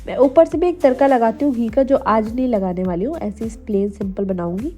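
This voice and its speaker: A young woman from India, slightly hoarse from a cold, chatting to viewers in a casual cooking vlog voice-over. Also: fairly high pitch, fairly quick, dark tone. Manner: chatty, addresses viewers directly. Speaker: homemaker vlogger. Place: voice-over, not recorded in the pictured kitchen. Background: faint music.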